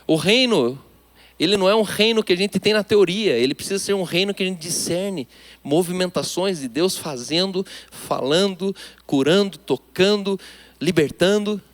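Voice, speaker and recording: A man with a Brazilian Portuguese accent preaching a sermon, emphatic, his delivery swinging between loud declarations and hushed asides. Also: sits high, normal speed. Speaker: pastor.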